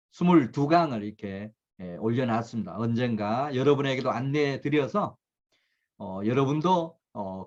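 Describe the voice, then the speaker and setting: A middle-aged man giving an earnest self-help lecture to camera, with many pauses and fillers. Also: mid-range voice, a little mellow, muffled recording.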